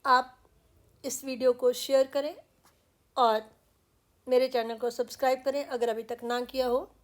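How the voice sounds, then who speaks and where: A woman's voice: sits high, fairly even intonation, measured pace. A woman from India with an Indian English accent, teaching English pronunciation patiently and repeating example words with care.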